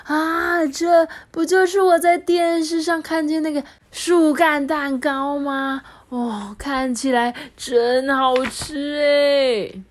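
Brief: giddy old storybook granny, high squeals, played by a woman. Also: fairly even intonation, slow. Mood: thrilled. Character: excitable old granny, easily thrilled.

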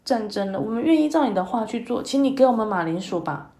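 A woman voicing a crowd of hungry young soldiers in a children's storybook reading, loud and eager. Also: a little high, expressive, fast talker, roomy sound. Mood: pleading.

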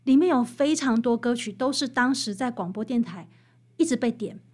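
Her voice is a little high and a little mellow, at a moderate pace. She is a guest author with a Taiwanese Mandarin accent, interviewed about her book, explaining things and telling stories emphatically and conversationally.

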